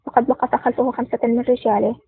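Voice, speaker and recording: Fast, husky woman narrating an audiobook. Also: fairly high pitch, flat delivery. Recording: dry, tinny phone-like sound.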